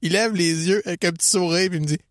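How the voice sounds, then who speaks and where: A man with a Quebec French accent, co-hosting a podcast, telling a story in an animated, colloquial way with casual swearing. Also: sits high, quick pace, no room sound, clean studio sound. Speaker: podcast co-host, running coach.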